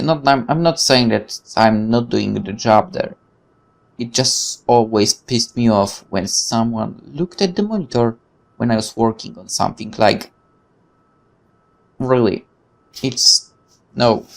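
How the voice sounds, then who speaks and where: Reading a visual novel aloud for his let's play, a man adds casual, meandering comments and now and then stumbles over words. His voice is mid-range, gravelly, expressive, and unhurried.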